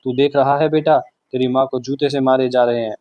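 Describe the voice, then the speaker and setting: A man's voice: mid-range voice, steady tone, fairly quick, dry recording, lo-fi sound, lightly acted. Man reading as Dhaniya, a fiery village woman. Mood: bitter. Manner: scolding, taunting. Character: fiery quarrelsome village woman, sharp-tongued mother.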